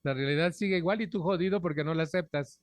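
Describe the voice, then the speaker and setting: A middle-aged man with a Mexican Spanish accent speaks fast in a fairly high voice, with no echo. At a recovery group meeting, he gives frank personal testimony into a stand microphone, talking bluntly with earthy profanity and putting direct questions to the audience.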